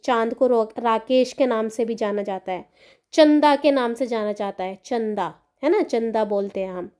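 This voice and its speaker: Woman teacher walking little kids through a lesson, slow and patient, keeps checking they get it, a bit high-pitched. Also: darkish tone. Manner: slow, patient, repeats key words and asks "है ना". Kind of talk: explaining a textbook chapter to children.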